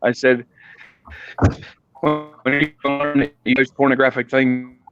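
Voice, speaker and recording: A man's voice: mid-range voice, little pitch movement, normal speed, over music. A man talking through choppy robotic call audio. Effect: glitchy, breaking-up call audio that turns robotic. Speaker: caller in a group livestream chat. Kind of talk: casual chat. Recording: dull lo-fi call line with faint hiss.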